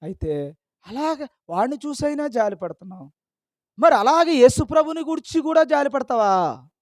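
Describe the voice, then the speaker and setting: A man's voice: very high-pitched, expressive, moderate pace, dry recording, studio quality. A man preaching a sermon, scolding his listeners with a stream of rhetorical questions.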